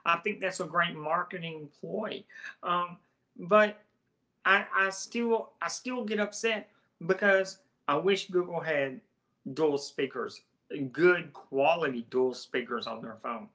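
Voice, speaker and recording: A man's voice: a little high, slow, pushed and bright. A man with a heavy Southern accent, a YouTuber talking casually to his viewers about phones, rambling and often restarting his phrases. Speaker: tech YouTuber. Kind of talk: casual talk to camera.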